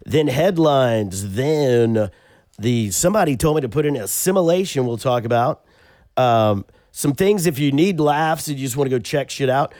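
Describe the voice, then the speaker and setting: A man's voice: mid-range voice, darkish tone, no echo, studio quality. A man hosting a comedy podcast with an American accent, crude and joking as he runs through the lineup and topics. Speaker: podcast host. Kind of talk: casual comedic chat.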